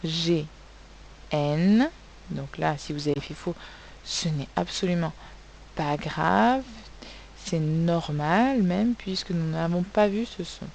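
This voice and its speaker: A woman's voice: fairly low pitch, takes it slowly, vocal fry, long pauses, darkish tone, a little hiss or hum, low-quality recording. A woman teaching a recorded phonics lesson to young pupils, spelling out sounds letter by letter. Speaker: primary school teacher.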